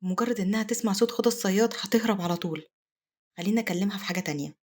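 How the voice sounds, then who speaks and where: A woman's voice: medium pitch, racing, darkish tone, natural voice. Woman reading as brooding pirate duke. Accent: Egyptian Arabic. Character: brooding male pirate duke, lovesick knight commander.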